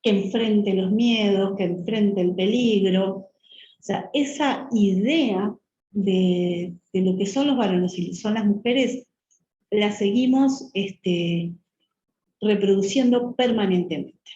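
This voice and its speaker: A woman speaks with a Uruguayan accent, delivering a measured lecture and checking in with her listeners through rhetorical questions. Her tone is dark and mellow, at an ordinary pitch. The recording is echoey and muffled, with a faint hiss under it. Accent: Uruguayan Spanish. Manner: measured, thoughtful, frequent rhetorical tag questions. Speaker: guest speaker. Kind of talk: lecture talk.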